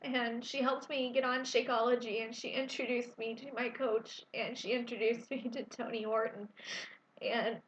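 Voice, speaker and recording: A woman's voice: fairly high pitch, flat delivery, normal speed, slight background noise. Candid young woman, echoey lo-fi room. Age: 20s. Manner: candid, emotional, many fillers and restarts. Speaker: vlogger. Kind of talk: personal story vlog. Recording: echoey room, dull lo-fi sound.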